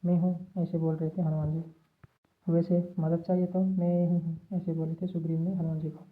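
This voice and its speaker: A woman casually retelling a film's story as narrator, talking conversationally and often restarting or correcting herself. The recording sounds tinny. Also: deep voice.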